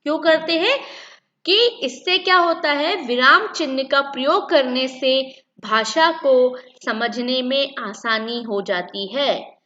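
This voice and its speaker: Woman teacher, high bright voice, slow and deliberate, repeats points, dull lo-fi recording. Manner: repeats key points and asks then answers her own questions. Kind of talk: classroom-style lesson for children.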